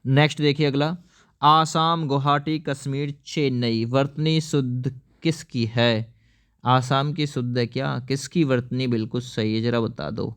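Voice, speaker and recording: Male teacher, clear rounded tone, mid pitch, walks students through exam questions and quizzes them. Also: steady tone, measured pace, a bit bright. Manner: explains step by step, often asks viewers to answer. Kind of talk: exam-prep lesson.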